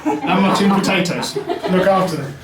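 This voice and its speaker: A man's voice: high voice, expressive, moderate pace, distant mic, over a noisy crowd. A man performing a wry, self-deprecating stand-up comedy set in a basement comedy venue. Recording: roomy echo, mic heard from afar.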